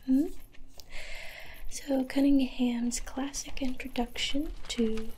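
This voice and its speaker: A young woman in a whispered role-play as a librarian, speaking softly and hesitantly close to the microphone. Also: sits high, steady tone, slightly rough. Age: young adult. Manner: soft, hesitant, unhurried. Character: polite, attentive female librarian recommending books. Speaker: ASMR performer playing a librarian.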